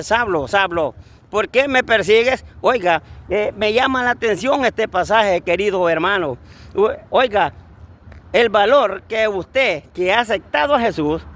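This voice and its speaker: A man's voice: sits high, fairly bright tone, a little hiss or hum. A man preaching a fervent sermon outdoors, repeating blessings and calling listeners brothers.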